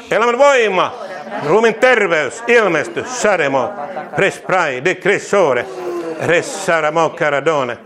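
A man leading a fervent charismatic prayer and blessing, chanting repeated syllables, speaking in tongues and laughing through his words. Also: high-pitched. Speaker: prayer leader. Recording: crowd noise in the background.

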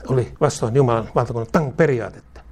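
A middle-aged man preaching a sermon, asking the congregation questions and rising in pitch and force when he exhorts them. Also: darkish tone.

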